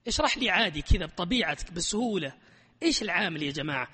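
Animated high-voiced grammar teacher. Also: male voice, rapid-fire, husky, big-room sound. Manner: animated, emphatic, keeps quizzing the class. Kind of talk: classroom lesson.

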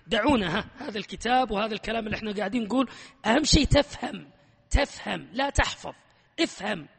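A man teaches a classroom grammar lesson in an animated, emphatic way, quizzing students constantly. His voice sits high. The room is a reverberant hall with a long ringing tail. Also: quick pace, creaky, breathy edge.

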